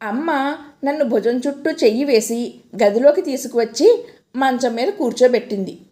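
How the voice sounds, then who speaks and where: A woman's voice: high-pitched, normal speed. A woman narrating a novel in the first person as an audiobook reader, telling it expressively. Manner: expressive storytelling.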